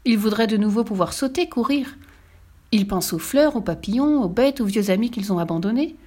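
A wise immortal mermaid from a fairy tale, voiced by a woman reading aloud. She speaks gently and knowingly, just a little higher than the narration. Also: expressive, brisk. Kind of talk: storybook reading.

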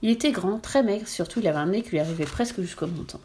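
A woman reading a children's story aloud with lively, expressive narration. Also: medium pitch, fast, background noise.

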